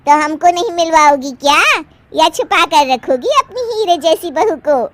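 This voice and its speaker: A woman's voice: very high voice, moderate pace, no echo, voice pushed up. A woman voicing a chatty, teasing middle-aged female friend in a cartoon. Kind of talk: cartoon voice acting.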